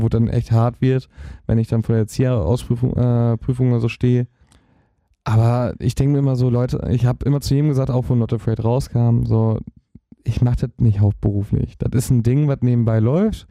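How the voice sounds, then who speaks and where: A man's voice: medium pitch, dark tone, dry recording. A young man, a hobby DJ from Germany, chatting as a podcast guest, rambling and searching for words. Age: young adult. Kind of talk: casual podcast interview.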